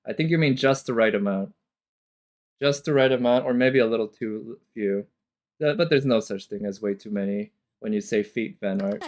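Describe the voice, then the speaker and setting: A man with a mid-range voice reacts casually and off the cuff as a streamer. He thinks aloud analytically and swears casually along the way.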